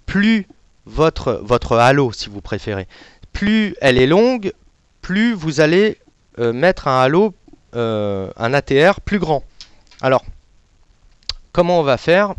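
Guy doing a live software demo, lots of ums and little click noises, dry close mic. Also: a little high, big pitch swings, slow pace, pauses often, clean tone, no echo. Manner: casual, hesitant, many fillers and sound words; says he is not an analyst. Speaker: software demonstrator.

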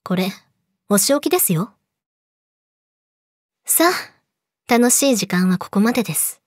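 A young woman playing a yandere girlfriend in a role-play audio drama, politely sweet, possessive and menacing, slipping into breathy whispers, close to the mic. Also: medium pitch, animated, measured pace, a little mellow, no echo. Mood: teasing, domineering. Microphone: close studio mic, dry.

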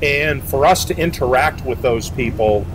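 A man's voice: mid-range voice, normal speed. Middle-aged man rambling outdoors with noise. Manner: rambling, with many fillers and restarts. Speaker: boat manufacturer representative. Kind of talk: casual interview answers. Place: outdoors beside a boat at a marina.

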